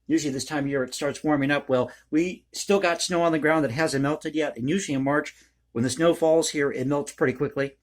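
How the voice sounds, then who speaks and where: A man's voice: a little high, steady tone, a little fast. A man hosting a casual ad-libbed vlog, talking in a rambling, folksy, conversational way. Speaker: online video host and commentator.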